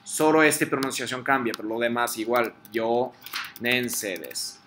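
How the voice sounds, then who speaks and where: A man teaches a lesson in Spanish. His voice is bright and clear, and he explains patiently, checking often that his students follow. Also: mid-range voice, fairly quick, slight background noise. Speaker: Japanese teacher. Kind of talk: online class teaching Japanese in Spanish.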